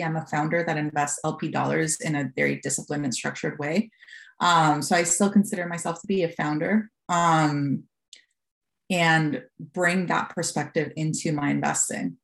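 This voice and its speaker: A woman's voice: low-pitched, vocal fry. A woman in her forties from Costa Rica, a fund founder telling her story as a podcast guest in a candid, filler-filled way. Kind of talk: podcast interview.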